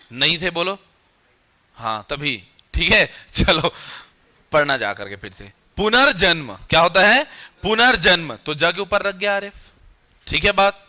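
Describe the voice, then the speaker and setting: A young adult man teaching a grammar lesson to a classroom, quizzing the students with questions and answering them himself, and slowing down to dictate the rules. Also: sits high, bright, forceful tone.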